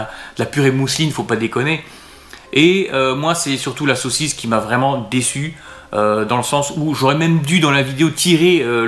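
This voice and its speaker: Casual male vlogger at mid pitch, halting with many fillers, in a reverberant room. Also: fairly bright tone. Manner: hesitant, many fillers and restarts. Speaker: vlogger reviewing restaurants. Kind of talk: casual talk to camera.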